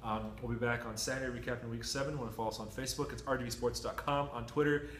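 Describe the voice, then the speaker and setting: Man, young adult, podcast host, loud, jokey, fast, echoey room, faint noise. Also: mid-range voice, fairly even intonation. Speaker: sports reporter and podcast host. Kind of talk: casual podcast chat. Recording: roomy echo, faint noise.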